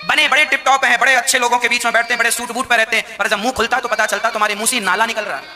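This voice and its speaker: A man's voice: very high-pitched, level tone, rapid-fire. A man giving a devotional katha sermon, telling stories expressively with acted quotes and much repetition. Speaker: katha preacher. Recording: reverberant hall, faint violin music.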